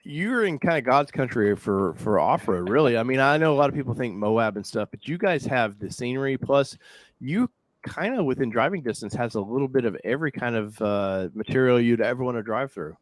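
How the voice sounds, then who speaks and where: A man's voice: mid-range voice, animated, brisk, no echo. A man hosting a casual live car talk show, loose and rambling, thanking viewers and bringing in a guest. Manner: loose, rambling, with restarts and laughs. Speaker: podcast host.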